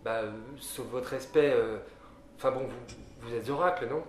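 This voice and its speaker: A man's voice: mid-range voice, moderate pace, lightly acted. A man playing a casual, nervous sidekick in an audio drama, hesitant and colloquial. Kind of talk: French audio drama acting. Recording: echoey room, slightly distant, faint noise.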